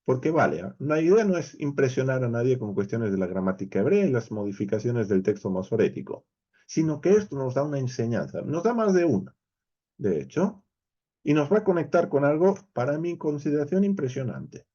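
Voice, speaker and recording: A man's voice: mid-range voice, sing-song, fairly quick, warm tone, lo-fi sound. A man with a Spain Spanish accent teaching a verse-by-verse Bible study lesson, explaining animatedly and speaking straight to his viewers.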